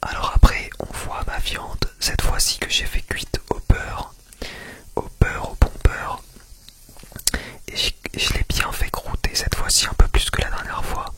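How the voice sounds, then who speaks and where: A man whispering very close, right in the ear, as he narrates a food ASMR video, often repeating words and phrases for emphasis. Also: a little slow.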